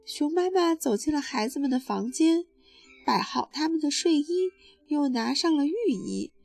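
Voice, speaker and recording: A woman storyteller reading a children's bedtime story aloud, lively and expressive, now and then asking the young listener questions. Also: high-pitched, normal speed, creaky, no echo, faint music behind.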